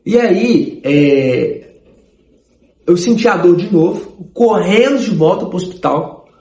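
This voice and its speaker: Mineiro guy in his 30s telling his testimony, high gravelly voice, echoey room. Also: takes it slowly. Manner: animated storytelling, acting out voices. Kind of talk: personal conversion testimony.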